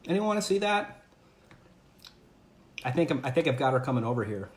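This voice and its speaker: A man's voice: medium pitch, very animated, a little fast. A man hosting a casual home livestream, talking upbeat and chatty while he tries food, often restarting his sentences. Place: at home, indoors. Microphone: camera or phone mic on a livestream. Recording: echoey room with faint background ambience.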